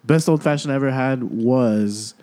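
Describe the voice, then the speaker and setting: A man's voice: mid-range voice, normal speed, dark tone. An American man in a casual group chat, laid-back and slangy, with frequent swearing.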